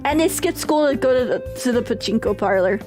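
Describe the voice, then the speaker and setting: A woman with a very high, girlish voice chats casually on a livestream in a cute anime streamer style. She is playful and tends to repeat herself as she answers viewers. Music plays behind her. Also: lively intonation, a little fast. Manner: giggly, repeats phrases.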